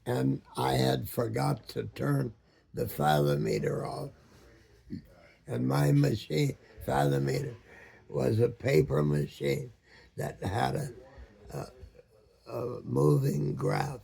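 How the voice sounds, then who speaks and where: A very old man, over a hundred, a former boat captain reminiscing in a halting way, searching for words with long pauses and many ums. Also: medium pitch, big pitch swings, dark tone. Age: over 100, very old man. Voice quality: very aged, gravelly, husky voice. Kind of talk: slow reminiscing storytelling.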